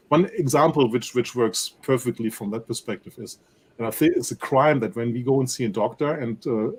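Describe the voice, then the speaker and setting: On a panel discussion, a German-accented man appears as an analyst guest, speaking with animation in a husky, mid-range voice. He keeps tacking rhetorical "right?" questions onto his points.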